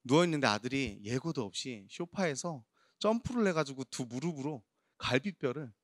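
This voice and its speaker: Preaching to the youth in a church hall, this man in his thirties has a medium-pitched, animated voice and keeps a moderate pace. The studio-quality recording has no room sound as he shares warm stories and puts questions to his audience.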